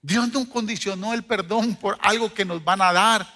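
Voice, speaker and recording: A middle-aged man preaches as a pastor, his high voice ringing bright and forceful. He tells personal stories with a joking touch to his congregation, and a long reverb hangs after his words in the church hall. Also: normal speed. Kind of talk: sermon.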